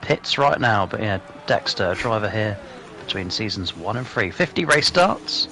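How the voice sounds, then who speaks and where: A man's voice: on the low side, expressive, normal speed, creaky, background noise. A man commentating a sim racing league broadcast, joking and laughing with his co-commentator. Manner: jokey, laughs often, teasing banter. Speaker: race commentator. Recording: commentary over loud background music.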